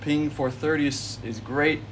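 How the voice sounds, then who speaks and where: A man's voice: on the high side, fairly even intonation, unhurried, distant mic, slight background noise, rough recording. A man in his twenties giving casual golf tips on a livestream in his backyard, friendly and easygoing, calling viewers buddy and bro. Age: 20s. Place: backyard outdoors.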